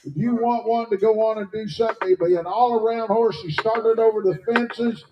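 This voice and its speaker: A man announcing at a horse sale, plainly pitching each horse's skills to buyers. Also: steady tone, a little fast, lo-fi sound, a little hiss or hum. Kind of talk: sales pitch. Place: horse auction ring.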